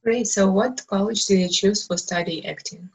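A woman's voice: medium pitch, moderate pace, breathy edge, poor audio. A woman hosting a podcast, asking short, admiring questions in slightly non-native phrasing. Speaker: podcast host. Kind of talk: interview questions.

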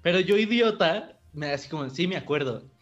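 A man's voice: a little high, lively intonation, fairly quick, lo-fi sound, faint music behind. A young man with a Mexican accent, co-hosting a casual podcast, joking and laughing often as he tells stories. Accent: Mexican Spanish. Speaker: podcast co-host. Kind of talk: casual chat.

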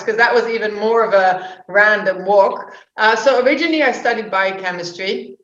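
A woman's voice: mid-range voice, a bit bright. Interview guest: woman, 40s, UK-born, chatty and rambling, roomy dull-sounding remote audio. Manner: chatty, rambling with restarts and fillers. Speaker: guest, social entrepreneur and investor. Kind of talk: casual interview talk.

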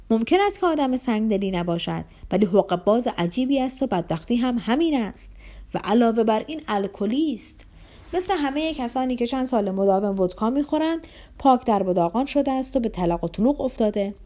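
A woman reading the lines of a mocking young man, speaking scornfully and with rising excitement. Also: a little high. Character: mocking young male nephew, sharp-tongued.

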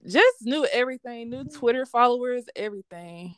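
Young woman, podcast host as guest: slangy, candid, smooth clear tone, close dry mic. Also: on the high side, moderate pace, no room sound. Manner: candid, slangy, animated storytelling. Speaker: sports podcast host being interviewed. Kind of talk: casual interview.

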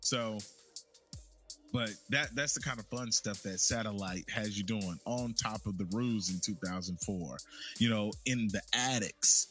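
A man with a lowish voice tells a casual personal story, rambling and circling back with repeats and restarts. He gets animated as he goes. Faint music plays underneath. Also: measured pace. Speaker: storyteller recounting work life.

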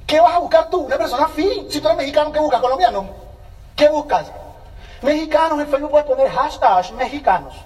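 A man with a high voice addresses a seminar crowd, energetic and motivational, slipping into quick acted-out exchanges. He sounds a bit away from the mic. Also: distant mic. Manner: energetic, acts out dialogues with changing voices. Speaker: seminar speaker.

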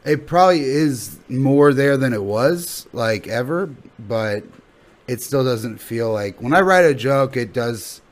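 A man's voice: mid-range voice, animated, measured pace. A male comedian being interviewed in a casual podcast chat, thinking aloud in rambling, sweary sentences. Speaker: stand-up comedian guest.

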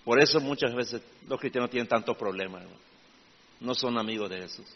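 A male pastor preaching a sermon. He swings from loud, emphatic bursts to low, confiding asides and often checks that his listeners follow. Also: a little fast, slight background noise. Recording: dull lo-fi audio with long hall reverb.

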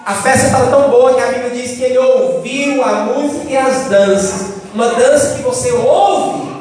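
A man with a Brazilian Portuguese accent preaching a sermon in a large church, telling the story with lively acted-out dialogue. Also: very high voice, moderate pace. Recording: echoey church hall from off-mic.

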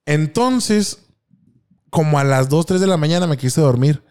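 A man's voice: fairly high pitch, lively intonation, unhurried, darkish tone, clean tone. Slangy young Mexican man telling a story. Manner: slangy, laughing, acts out quotes. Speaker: podcast co-host. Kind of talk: casual storytelling chat.

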